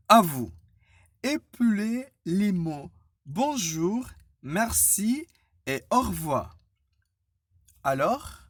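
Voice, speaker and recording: Slow, patient woman teaching beginners. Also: mid-range voice, a little mellow, no echo, clean studio sound. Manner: spells words out letter by letter, patient and deliberate. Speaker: French teacher. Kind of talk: slow, clear beginner language lesson.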